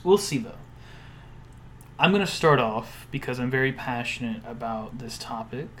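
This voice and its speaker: A man co-hosting a podcast in casual, joking chat, teasing and rambling with a deadpan delivery. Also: mid-range voice, moderate pace, a little hiss or hum. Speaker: podcast co-host.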